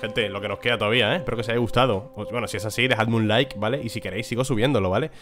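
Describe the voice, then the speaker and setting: A man's voice: on the low side, racing. A young man with a Spain Spanish accent, reading out game text and commenting casually, swearing and exclaiming when things go wrong. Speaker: gameplay commentator. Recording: music playing behind the voice.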